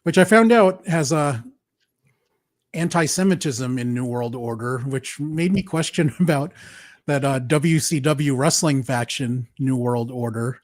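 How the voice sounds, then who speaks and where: A man's voice: medium pitch, unhurried. A man hosting a live review show, chatty and joking, laughing now and then. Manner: chatty, laughs often, jokes. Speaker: podcast host. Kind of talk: casual livestream chat.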